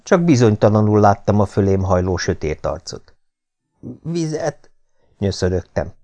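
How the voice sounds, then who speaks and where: A man reading an adventure novel aloud as an audiobook in a steady, measured storytelling manner. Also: on the low side. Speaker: audiobook reader. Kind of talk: scripted narration.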